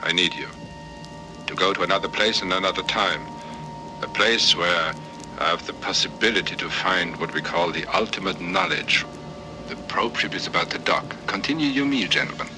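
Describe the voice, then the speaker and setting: An actor playing an obsessed starship commander and scientist, formal, imperious and oratorical, in a storybook dramatization. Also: male voice, low voice, moderate pace, music in the background, close to an everyday voice, poor audio. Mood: grandiose, confident.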